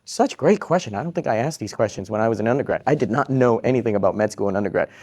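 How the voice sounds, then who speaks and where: Racing along in a lowish, expressive, somewhat mellow voice, a psychiatrist from Vietnam answers students' questions in a live talk. He stays upbeat and jokey, repeating each question aloud first.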